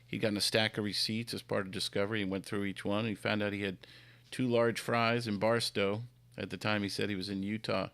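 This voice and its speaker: A man tells a courtroom story in a flat, gravelly voice. The sound is dry and close. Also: fairly low pitch, brisk, dry recording. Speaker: defense trial lawyer. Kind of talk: panel podcast anecdote.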